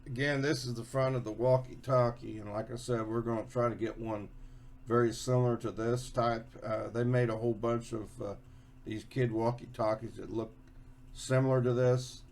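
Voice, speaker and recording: A hobby video host talks through something hands-on, unscripted and casual, stumbling and frequently restating his points. He has a mid-range, slightly mellow voice with fairly even intonation.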